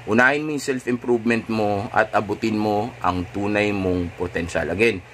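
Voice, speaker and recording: A man's voice: fairly low pitch, steady tone, moderate pace, fairly bright tone, a little hiss or hum. A man coaching listeners on dating in a casual monologue, and often checking in with rhetorical tags.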